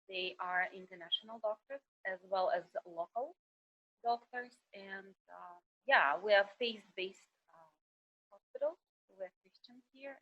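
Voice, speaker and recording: A middle-aged woman from Kazakhstan, a doctor speaking over a video call, halting and searching for words with many fillers. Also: mid-range voice. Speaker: emergency doctor, guest. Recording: dull, lo-fi internet call audio.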